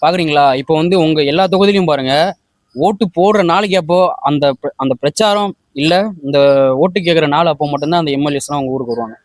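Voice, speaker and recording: Quick, high-voiced man. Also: no room sound, clean studio sound. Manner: heated, stumbling restarts. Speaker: interviewee. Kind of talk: casual opinion interview.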